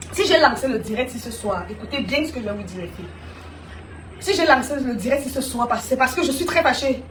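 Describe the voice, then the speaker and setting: High-voiced woman streaming live. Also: roomy sound, recorded from a distance, a little hiss or hum. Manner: animated, teasing, addresses viewers directly. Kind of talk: live stream monologue to viewers.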